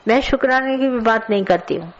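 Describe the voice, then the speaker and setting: A woman's voice: on the high side, a little fast, lo-fi sound. A woman giving a colloquial spiritual sermon, scolding and telling stories to her listeners. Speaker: spiritual teacher. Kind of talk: satsang sermon.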